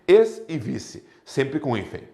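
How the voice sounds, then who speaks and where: A man with a Brazilian Portuguese accent teaching a lively exam-prep grammar lesson, often asking rhetorical questions. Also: medium pitch, slow, gravelly.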